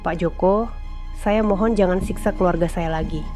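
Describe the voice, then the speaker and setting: Perempuan memerankan lelaki desa yang memohon putus asa. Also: female voice, lowish voice, normal speed, warm tone, soft background music, close to an everyday voice. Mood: desperate pleading. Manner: pleading. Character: desperate male villager begging in a letter.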